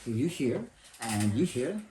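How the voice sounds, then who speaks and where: Fussy tour guide woman for a tabletop game, played by a man; brisk, rule-bound, lively pitch, echoey room. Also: slight background noise. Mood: officious. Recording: roomy echo.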